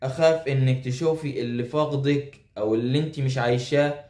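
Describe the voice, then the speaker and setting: A man's voice: medium pitch, fairly even intonation, quick pace, dark tone. A man with an Egyptian accent who hosts an advice show. He reads a listener's letter aloud, then gives earnest, hesitant advice full of filler words. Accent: Egyptian Arabic. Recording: roomy echo.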